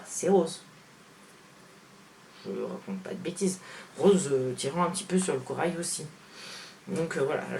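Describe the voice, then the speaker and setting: A woman beauty vlogger comparing makeup on camera, chatting frankly with viewers and filling pauses with fillers. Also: low-pitched, a little mellow, a little hiss or hum. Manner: chatty, hesitant, full of "voilà" and "hein" fillers; frank, opinionated. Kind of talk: casual product comparison vlog.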